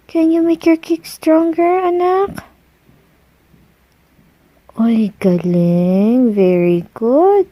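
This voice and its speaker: A woman coos slowly in a sing-song voice to her baby. Her tone is mellow and the home clip sounds dry. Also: a little high, no echo. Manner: slow, sing-song talk to an unborn baby.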